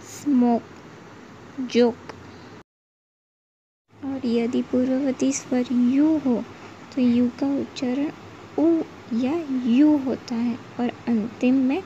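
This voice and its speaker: A woman teaching English pronunciation in a lesson, reading out example words one at a time in a slow, deliberate way. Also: fairly high pitch, dark tone. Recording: slightly muffled with faint background hiss.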